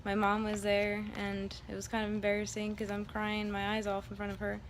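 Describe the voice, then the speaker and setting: A woman speaks in a rambling, candid vlog style. Her mid-pitched voice moves within a narrow, even range. Faint background noise sits behind her casual telling. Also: brisk. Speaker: vlogger. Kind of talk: casual personal vlog, recounting her surgery.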